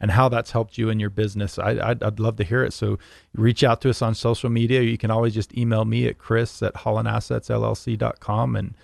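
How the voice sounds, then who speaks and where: Man in his forties, low gravelly voice, casual podcast chat, stumbling restarts, dry close mic. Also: level tone, a little fast, no room sound. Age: 40s. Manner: repeats words while starting sentences. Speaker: podcast co-host.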